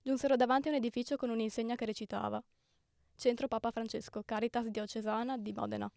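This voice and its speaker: A woman narrates a story at a quick clip. Her voice is fairly high, and the recording is dry with no room sound. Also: flat delivery, creaky, a little mellow, no echo.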